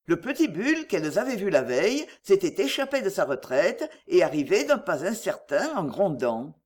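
A narrator reading a novel aloud in a measured, expressive storytelling voice. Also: mid-range voice.

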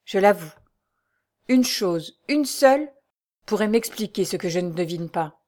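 A woman reading the part of an elderly male doctor, grave and sorrowful, with measured, somber replies. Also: mid-range voice, animated, a little mellow, lightly acted.

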